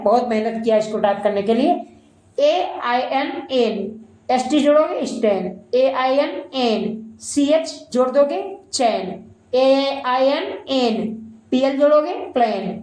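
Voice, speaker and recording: A woman's voice: high voice, darkish tone, roomy sound, poor audio. A woman teaching pronunciation, spelling words letter by letter and drilling the sounds, often addressing her listeners as friends. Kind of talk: pronunciation lesson.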